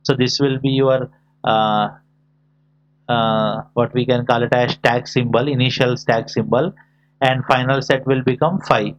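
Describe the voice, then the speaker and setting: A man's voice: medium pitch, fairly even intonation, measured pace. Man dictating in a dull lo-fi lesson recording. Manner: dictating symbols piece by piece, spelling out notation. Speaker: lecturer teaching a class. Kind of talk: classroom lesson, working through notation step by step. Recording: dull, lo-fi audio.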